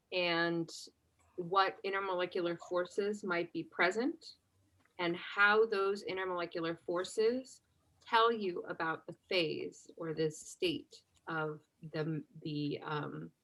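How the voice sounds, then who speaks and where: On a low-quality recording, a woman whose voice sits on the low side takes her time. She teaches chemistry in a conversational exam review, asking the class questions and constantly checking in with "right?"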